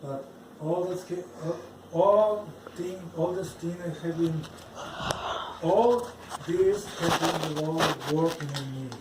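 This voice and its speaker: A man, not a native English speaker, giving a personal religious testimony in halting speech, often restarting and repeating his words. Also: a little high, noisy background. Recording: roomy, from some distance off the mic.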